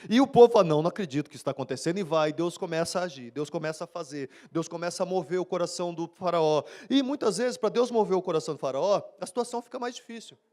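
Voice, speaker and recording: Brazilian pastor man preaching live, talks fast and chatty, voice a bit on the high side. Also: animated, darkish tone. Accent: Brazilian Portuguese. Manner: fast-talking, conversational. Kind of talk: live sermon. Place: church service.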